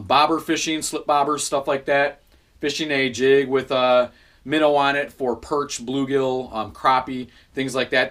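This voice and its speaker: Recorded in a small room at home by a camera a few feet off, a fishing channel host in his thirties talks about his gear in a fairly high-pitched voice. He keeps it casual and relaxed, with many ums and quick corrections of himself.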